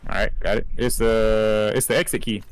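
A man's voice: lowish voice, level tone, moderate pace, dry recording. A man playing a co-op horror game with a friend, bantering in slangy, laid-back talk, laughing and cursing. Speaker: co-op gaming partner. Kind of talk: co-op horror gameplay chat.

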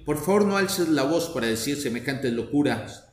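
A guy playing an old mom begging her son to calm down, slow and pleading, echoey room, faint hiss. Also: mid-range voice, natural voice. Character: pleading old mother, pious and tearful.

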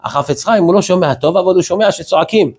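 A man's voice: high-pitched, darkish tone, slightly rough. A male rabbi preaching a sermon to a congregation, firing off rhetorical questions and telling stories with quoted exchanges. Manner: acts out short quoted exchanges in storytelling.

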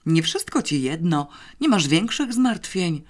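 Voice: mid-range voice, very animated, measured pace. A reader doing Janeczka, a bossy clever schoolgirl. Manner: confident, scheming, a little scornful.

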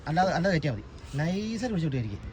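A man's voice: on the high side, very animated, very fast, a little mellow. A man with a Kerala Malayalam accent chatting casually outdoors, exclaiming and repeating short phrases. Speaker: fishing companion. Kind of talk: casual chat on a fishing trip. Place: outdoors on a river by a boat. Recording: noisy outdoor ambience, boat and water.

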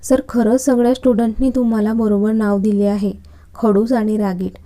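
A woman's voice: a little high, little pitch movement, normal speed, dark tone, natural voice. A woman reading the lines of a cheeky young woman student in a storybook romance, teasing and talking back.

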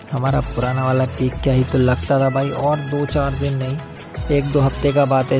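A young man talks through a shooter game in a relaxed, chatty way, peppering his lines with slang and friendly asides to his viewers. His voice sits at an ordinary middle pitch, with faint game music and gunshots underneath. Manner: chatty, slangy, keeps calling viewers brother. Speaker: gaming channel host. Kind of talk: casual gameplay commentary.

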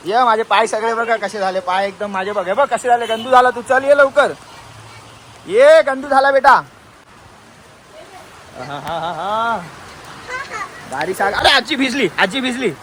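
A man vlogging outdoors in a village in the rain, talking chattily and excitedly to his viewers and calling out to family members. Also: high-pitched, measured pace, long pauses, some chatter behind, poor audio. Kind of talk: casual vlog narration to viewers. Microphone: handheld phone. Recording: loud rain noise outdoors.

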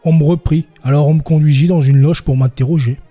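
Podcast narrator, male, husky and mellow, reads historical testimony, a faint music bed underneath. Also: steady tone, quick pace. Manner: reads quoted villagers with raised pitch, slips and restarts. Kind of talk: reading historical court testimony aloud.

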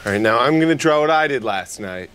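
A man's voice: medium pitch, lively intonation, fast, a bit bright, soft background music, lightly acted. An actor playing a pushy, childish, shameless male office boss in sketch comedy, insistent and petulant. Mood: smug, pushy.

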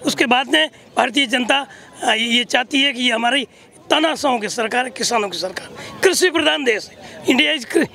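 A man's voice: very high voice, moderate pace, gravelly, pushed and bright. An older man from Rajasthan giving blunt, heated political opinions in a street interview, speaking into a handheld mic on a busy outdoor plaza. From Barmer, Rajasthan, India. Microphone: handheld mic held by interviewer.

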